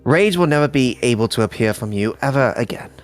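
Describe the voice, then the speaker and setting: A man voicing a weary male demon who speaks with dry, unhurried mock formality in an amateur visual novel reading. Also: mid-range voice, animated, faint music behind, close to an everyday voice. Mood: calm.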